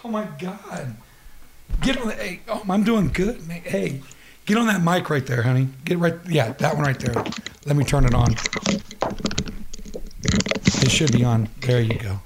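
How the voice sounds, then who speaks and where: A man hosting a show in loud, brash, profane casual chat, his voice going hoarse. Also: on the high side, unhurried, pauses often, background noise. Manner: loud, brash, swears a lot. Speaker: show host.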